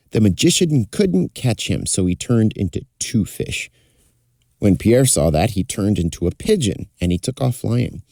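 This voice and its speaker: A man's voice: fairly low pitch, creaky, dark tone, dry recording. A man telling a folktale in a fireside storytelling style, as narrator. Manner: acts out characters' dialogue.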